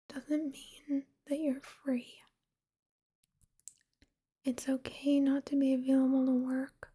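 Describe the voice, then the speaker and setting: A woman giving a whispered ASMR pep talk, speaking gently and reassuringly in a soft, unvoiced whisper. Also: high voice.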